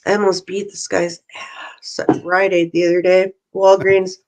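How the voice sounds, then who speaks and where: A middle-aged woman co-hosting a casual chat, telling animated stories and acting out both sides of a phone call. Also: lowish voice, unhurried. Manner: animated storyteller, acts out phone calls. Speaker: podcast co-host.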